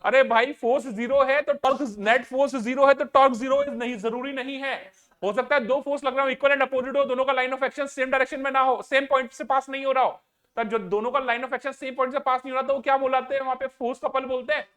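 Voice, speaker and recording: A male teacher lecturing a room full of students. He keeps the class moving with a steady pattern: he asks a question, answers it himself, then asks it again. In between he pleads with them to concentrate. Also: very high-pitched, brisk. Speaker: physics teacher.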